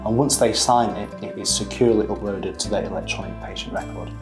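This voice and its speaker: Male consultant, lowish voice, measured and explanatory, soft guitar under. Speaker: pain management consultant. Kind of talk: interview explanation. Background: soft guitar music.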